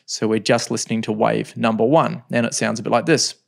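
A middle-aged man's creaky, medium-pitched voice carries a relaxed music software tutorial recorded at a desk in his home studio. He explains each step in turn and pauses to think.

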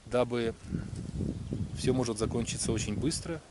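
A man's voice: mid-range voice, very noisy. Hesitant man musing outdoors. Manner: hesitant, with many pauses and fillers. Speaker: vlogger. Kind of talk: casual spiritual musing to camera. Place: outdoors in a rural area.

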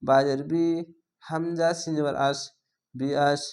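Slow, clear man spelling out recitation. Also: a little high, flat delivery, a little mellow. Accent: Bangladeshi Bengali. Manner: spells syllables letter by letter, drawls long vowels. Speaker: Quran reading teacher.

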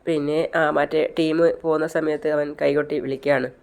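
A man's voice: a little high, flat delivery, fairly quick, gravelly, clean tone. A man casually retelling a film's plot to his subscribers. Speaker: storyteller vlogger. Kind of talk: retelling a film story.

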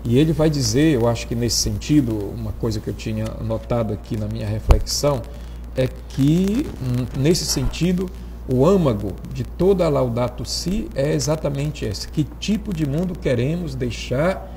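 A gravelly, mid-pitched man in his sixties with a Brazilian accent reflects on points in a panel discussion. Clear background noise surrounds his voice. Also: expressive, moderate pace, warm tone, poor audio. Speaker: monsignor, panel guest. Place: TV studio panel desk. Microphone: lapel.

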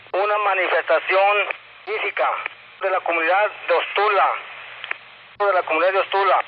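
High-pitched man reporting slowly over radio. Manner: halting dictation, repeating phrases. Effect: voice over two-way radio. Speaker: police officer reporting by radio. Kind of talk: radio incident report, dictating details. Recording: dull, noisy two-way radio transmission.

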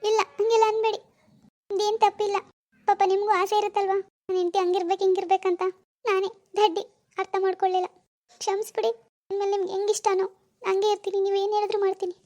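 A weeping young cartoon wife , voiced by a woman, who pleads in a very high, thin voice and keeps saying sorry. She talks quickly, her words tumbling out through the tears. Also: level tone, warm tone. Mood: pleading tearful. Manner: apologetic, begging, keeps repeating sorry. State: crying.

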